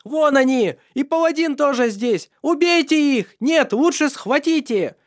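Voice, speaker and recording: A shrill, commanding royal daughter screams orders at her servants in a storybook reading, put on by a man. The voice sits far above the reader's own and comes out loud and piercing. The recording is close and dry. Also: brisk, dry recording, natural voice. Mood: shrieking. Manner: shrieking orders.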